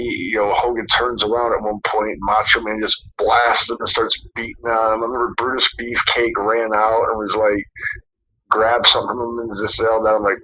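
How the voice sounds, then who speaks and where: A man rambles through a story in casual podcast chat, full of fillers and the odd curse word. His voice sits a little low but sounds sharp and tense. The recording is dull and lo-fi, with faint noise underneath. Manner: rambling, lots of fillers and swearing. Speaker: podcast co-host.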